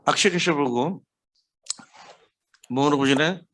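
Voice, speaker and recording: Preacher, male, from India; animated storyteller, fairly high voice, drops English terms into his talk. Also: measured pace. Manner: animated storytelling, acts out quotes with sharp pitch jumps; mixes English words into speech. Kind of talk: devotional class talk.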